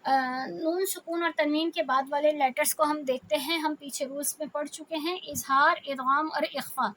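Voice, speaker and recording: A woman teaching a Quran reading lesson, explaining each rule patiently and slowly drawing out syllables to demonstrate them. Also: sits high, fairly even intonation, fairly bright tone, slight background noise. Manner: patient step-by-step explaining, slowly stretching out sounds as examples.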